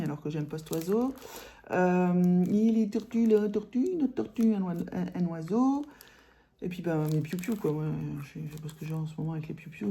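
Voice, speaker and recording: A woman's voice: lowish voice, warm tone. A woman chatting casually in a vlog about her embroidery, rambling with many fillers and restarts and sometimes dropping to a whisper. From France. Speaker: cross-stitch vlogger.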